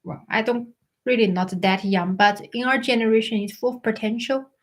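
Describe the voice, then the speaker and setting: A woman in her thirties hosting a casual live stream, chatting and answering viewers' questions, often pausing to search for words. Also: on the high side, poor audio. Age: 30s. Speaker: livestream host.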